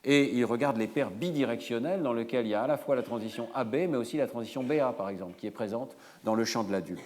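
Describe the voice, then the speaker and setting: A man teaches a university class, speaking at a middle pitch with a fluent, explanatory manner and the occasional filler. His voice rings with the long reverb of a lecture hall. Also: fast, a little mellow. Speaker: professor.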